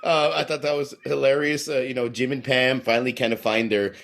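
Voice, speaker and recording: Young guy on a podcast, gravelly voice, rambly, keeps repeating himself. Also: medium pitch, fairly even intonation, a little fast, fairly bright tone. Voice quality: gravelly, swearing freely. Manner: rambling, repeats words, laughs at recalled jokes. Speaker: podcast co-host. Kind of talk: casual chat.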